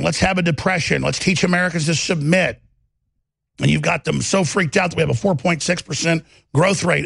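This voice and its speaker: This Texan speaker has a gravelly voice and a twang, and he tears into politics with the confident, aggressive emphasis of a talk show host, piling on lists and rhetorical questions. His pitch is on the high side with a fairly bright tone, and there's no room sound.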